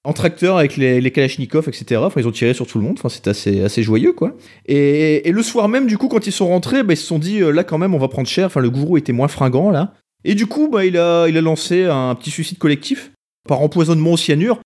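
A quick-talking man whose voice sits a little high, recounting dark events on a podcast with ironic understatement. He pads his sentences with fillers as he rushes along. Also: lively intonation. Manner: ironic storyteller, understated jokes, many fillers. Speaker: podcast co-host. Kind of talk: joking podcast chat.

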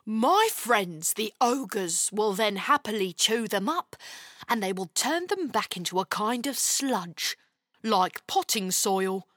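A woman voicing a gentle, slightly gruff male ogre who explains things patiently. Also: mid-range voice, lively intonation, slow, no echo, studio quality.

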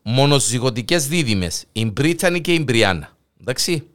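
A man's voice: medium pitch, very animated, a bit bright, clear, resonant tone. A man with a Greek Cypriot accent co-hosting a show, bantering casually and teasingly over odd news in colloquial speech. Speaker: co-host of a comic news show.

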